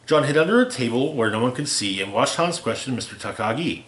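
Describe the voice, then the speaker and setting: A man reading a rhyming holiday parody aloud as a storyteller, with theatrical, deliberate delivery. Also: medium pitch, lively intonation, a bit bright. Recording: roomy, echoey home recording.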